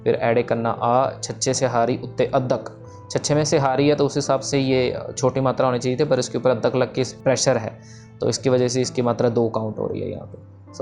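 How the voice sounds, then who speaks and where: A man explains verse structure like a relaxed teacher, stopping for little fillers as he thinks aloud. His voice sits at an ordinary middle pitch. Faint music plays quietly under him. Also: gravelly. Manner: casual, thinks aloud with fillers, mixes English terms. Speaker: Sikh scripture teacher.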